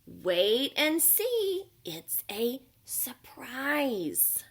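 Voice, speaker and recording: Storybook panda baker, secretive male, a woman doing it slow and hushed, bright tone. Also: sits high, very animated, husky, voice pushed up, full character voice.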